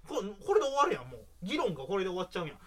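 A young man with a Kansai accent, co-hosting a comedy duo's podcast with teasing banter and loud mock outbursts. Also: sits high, wildly swooping pitch, rapid-fire. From Hyogo, Japan. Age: young adult. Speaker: comedy duo podcast co-host.

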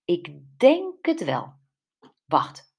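An eager, jokey husband in an audiobook mystery, as a woman narrator puts him on. He sounds slow and husky, with a low voice. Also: wildly swooping pitch, darkish tone, full character voice. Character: cheerful caring husband, man.

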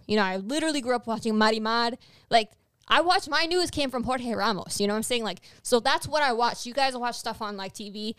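A woman co-hosting a casual political podcast, talking in an animated, rambling way with many restarts. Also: on the high side, brisk, smooth, no echo, clean studio sound. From Latin America. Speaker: podcast co-host.

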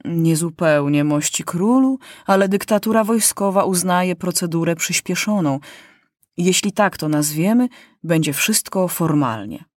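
A woman's voice: on the low side, lively intonation, measured pace, darkish tone, dry recording. A woman reading a storybook, voicing a pedantic male minister of justice in a dry, legalistic manner.

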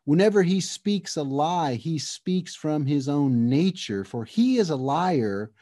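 Animated male preacher, dry close sound. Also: a little high, no echo. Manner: emphatic, addresses the listeners directly; slows down to stress scripture phrases. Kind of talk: sermon.

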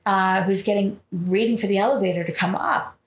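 A woman's voice: medium pitch, a little fast. A woman co-hosting a podcast, chatting casually as she recaps a film and acts out the characters' lines. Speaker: podcast co-host. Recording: roomy echo.

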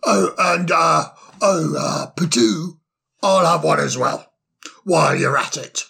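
A man's voice: on the high side, slow pace, creaky, bright, forceful tone, slightly rough, full character voice. A man voicing a cheerful, fussing older male owl doctor who chuckles as he fusses over a guest in a storybook reading.

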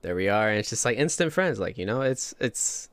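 A man's voice: on the low side, sing-song, a little fast, smooth, dry recording. A young man from Indiana hosting a casual interview, laid-back and slangy. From Indiana, USA. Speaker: interview host.

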